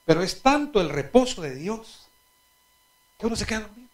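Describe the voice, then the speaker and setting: A man's voice: high-pitched, normal speed. A male pastor preaching a sermon, telling anecdotes with laughter and asking the congregation direct questions. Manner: animated storytelling, laughing at his own anecdotes.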